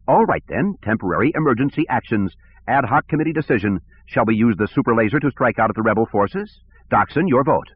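A man's voice: medium pitch, expressive, fairly quick, slightly rough, no room sound, voice pushed up. A man voicing a petty, pompous male station director who talks in fussy, bureaucratic tones. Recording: tinny phone-like audio.

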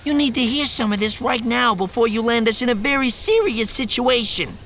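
A man voicing an excitable young man who speaks high and loud, slurring drunkenly in places. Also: brisk, slight background noise, exaggerated voice. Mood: eager. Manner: high, strained, raised voice.

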